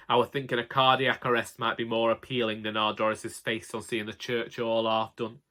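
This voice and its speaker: An audiobook narrator with a Northern English accent tells a comic first-person story in a wry, colloquial way. His voice is mid-range, pushed, and bright.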